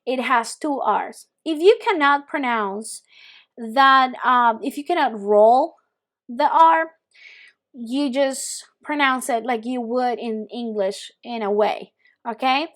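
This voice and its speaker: A woman teaching Spanish pronunciation, patiently modeling sounds for students to repeat. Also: a little high. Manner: slow and patient, drawing out sounds for repetition. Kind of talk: pronunciation lesson.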